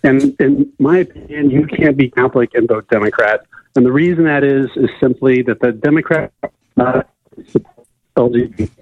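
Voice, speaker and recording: A man's voice: medium pitch, moderate pace. Man on a buzzy, glitchy phone line. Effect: buzzy, glitchy phone line that breaks up. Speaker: caller. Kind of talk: call-in radio comment. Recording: tinny breaking-up phone line.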